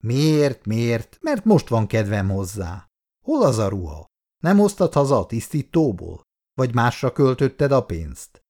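A man's voice: mid-range voice, sing-song, a little mellow. A man voicing an impatient young husband who speaks brusquely. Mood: irritated. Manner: brusque, questioning.

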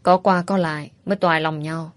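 A woman's voice: low voice, steady tone, no room sound, close to an everyday voice. A woman voicing a bossy older mother who scolds her daughter and schemes to marry her off. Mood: scolding. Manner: scolding, brisk.

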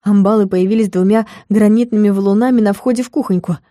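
A woman narrates a fantasy audiobook with a lively storytelling manner, ready to slip into character voices. Her tone is mellow and warm rather than bright. The recording is close and dry, with no room sound. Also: medium pitch, quick pace, dry recording. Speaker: audiobook reader.

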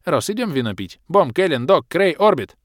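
A man doing a feisty young warrior woman who sneers at everyone's boasts. The audiobook voice runs high and loud, with a lively bounce and a dry close sound. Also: moderate pace, dry recording. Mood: scornful. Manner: sneering, brash. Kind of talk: audiobook character voice.

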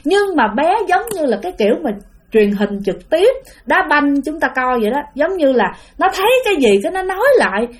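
A woman with a high voice and a Southern Vietnamese accent tells a spooky tale. She speaks in a chatty way and keeps turning to her listeners. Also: big pitch swings, fairly quick. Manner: chatty, addresses listeners directly. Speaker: storyteller. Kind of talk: spoken ghost storytelling.

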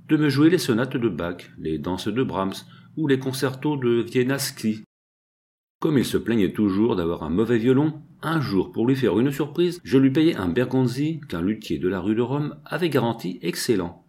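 A man reading a first-person literary novel as an audiobook, measured and expressive. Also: mid-range voice. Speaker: audiobook narrator.

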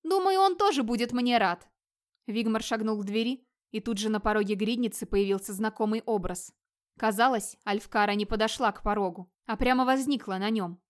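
A woman narrating an audiobook in an even, measured storytelling manner. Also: mid-range voice. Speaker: audiobook reader. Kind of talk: scripted narration.

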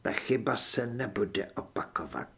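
A man voicing a cold, smiling male government official who speaks politely and with quiet menace, in a husky voice. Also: mid-range voice, expressive, heavily acted.

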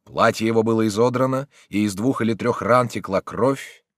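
A man's voice: on the low side, normal speed, dry recording, clean studio sound. A man narrating an adventure novel as an audiobook with a dramatic reading. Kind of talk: scripted narration.

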